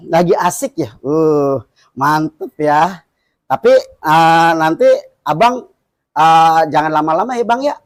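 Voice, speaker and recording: A gentle mother, as a male preacher puts her on, talking softly and fondly to her son. The voice is fairly high for a man and unhurried.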